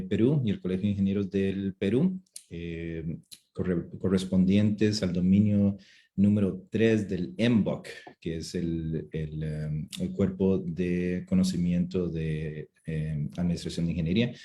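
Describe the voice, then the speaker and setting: A man from Costa Rica giving a webinar lecture from a home office, talking haltingly with many fillers and restarts. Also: low-pitched, dark tone. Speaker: webinar speaker. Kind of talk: lecture presentation. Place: home office with two screens.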